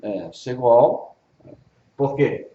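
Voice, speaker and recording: A man's voice: medium pitch, expressive, extremely slow, crowd noise. A Brazilian man, a pastor, gives an informal Hebrew lesson, patiently repeating pronunciations and checking understanding. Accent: Brazilian Portuguese. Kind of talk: informal one-on-one language lesson. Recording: echoey room, dull lo-fi audio, faint noise.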